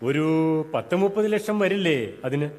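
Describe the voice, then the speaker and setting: A man acting a calm, moralizing priest in an amateur stage play, with a measured, reproachful manner. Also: high voice. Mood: probing. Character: calm, moralizing male priest running an old-age home. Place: school stage before an audience. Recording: echoey hall stage recording.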